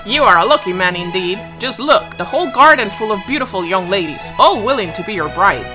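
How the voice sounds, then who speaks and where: A woman voicing a playful, courtly young royal gentleman in a children's fairy tale. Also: mid-range voice, lively intonation, brisk, natural voice. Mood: bantering. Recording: music behind the voice.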